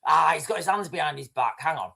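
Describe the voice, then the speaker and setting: A livestream host chats loosely over clips, speaking right to viewers as "guys." His high-side voice is animated, fast, gravelly and sharp, and his rambling talk keeps restarting, peppered with "right."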